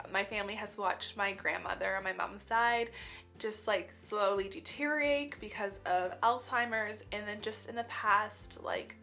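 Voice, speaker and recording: In this reflective vlog, a young woman with a congested, cold-stuffed voice chats earnestly, leaning heavily on "like" as filler. She sounds high-pitched, bright, and forceful.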